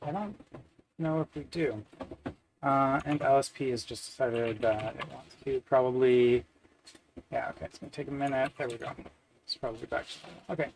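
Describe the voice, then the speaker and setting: A man's voice: mid-range voice, normal speed, creaky, slight background noise, rough recording. A man with a mid-range voice, thinking aloud as he codes, trailing off into fillers and dry little jokes about himself. Faint keyboard typing clicks away behind him. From Canada. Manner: muttering to self, many fillers, wry self-deprecating asides. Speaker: software developer live-streaming. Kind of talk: thinking aloud while coding.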